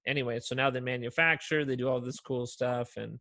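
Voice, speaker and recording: A man's voice: mid-range voice, steady tone, brisk, gravelly, pushed and bright, no room sound. A man from Portland, Oregon, hosting a casual interview and chatting loosely with fillers and restarts. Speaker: podcast host.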